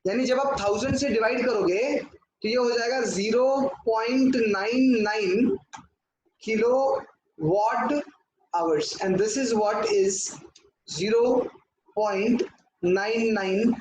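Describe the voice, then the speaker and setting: A man teaching a lesson in a very high register, and he answers the questions he puts to the class. His voice rings around a hard, echoey room, and there is steady noise behind it. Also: slow. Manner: talks at a board, asks and answers his own questions, mixes in English. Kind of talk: classroom lecture.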